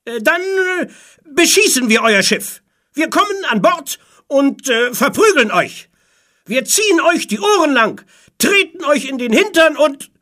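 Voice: high-pitched, sing-song, unhurried, pushed and bright, pitched above the performer's own voice, full character voice. A storyteller voicing a blustering but nervous male pirate captain who stammers with fillers, in a storybook reading. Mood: flustered. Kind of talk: storybook read-aloud.

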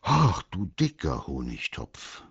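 A man's voice: sits low, very animated, normal speed, slightly rough, dry recording, dull audio, heavily acted. A man voicing a timid male teddy bear who would rather stay home and tends to whine. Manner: hesitant, whiny.

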